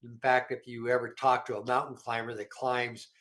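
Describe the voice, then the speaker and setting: This show regular is a middle-aged man whose mid-range, fairly bright voice stays level at a moderate pace, with a slight nasal quality from a cold. His casual talk about health supplements is rambling and folksy, full of jokes at his own expense.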